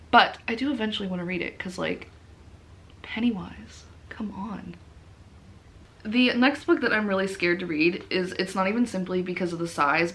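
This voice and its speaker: Female book vlogger, tired, medium pitch, casual and rambling chat with a self-deprecating streak. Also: a bit bright. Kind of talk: casual rambling chat to camera about books.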